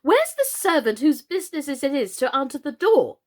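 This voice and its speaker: A woman playing an impatient young girl who has just become a queen, with a high voice that leaps sharply up and down. Her lines come out indignant and emphatic in a storybook reading. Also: sing-song, normal speed. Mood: angry.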